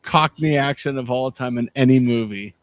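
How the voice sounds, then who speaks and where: A man's voice: mid-range voice, moderate pace. A man chatting casually on a video call, rambling through stories and laughing often.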